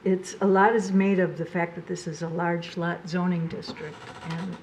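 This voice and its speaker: A woman on a city zoning board giving her view in discussion, measured and deliberate, citing the master plan. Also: fairly low pitch, flat delivery, a little mellow, slight background noise, low-quality recording.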